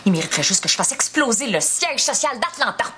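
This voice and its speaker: Headstrong, high-voiced young activist woman. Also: sing-song, fast, sharp tone, a little hiss or hum. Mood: indignant, defiant. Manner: emphatic, dramatic. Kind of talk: TV sitcom acting.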